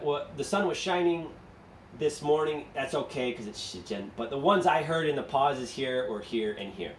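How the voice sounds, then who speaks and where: A man's voice: medium pitch, slight background noise. A man teaching an English class, explaining step by step and asking students questions, switching between English and Mandarin. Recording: echoey room, mic far off.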